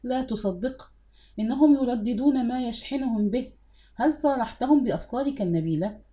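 A woman's voice: a little high, a little fast, mellow, close to an everyday voice. A woman reading the part of an anxious, scheming mother in an audiobook, her voice trembling and urgent.

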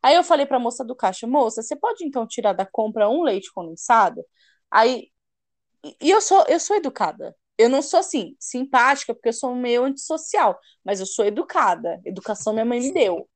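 Animated and brisk, a podcast host with a slightly high voice recounts a heated story during a casual chat. The young woman acts out other people's dialogue and swears a bit, all in a dry recording.

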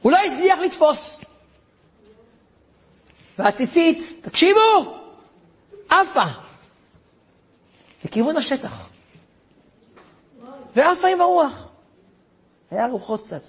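A man, a rabbi, tells a story to an audience in an animated way, acting out voices and sound effects. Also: extremely high pitch, long pauses.

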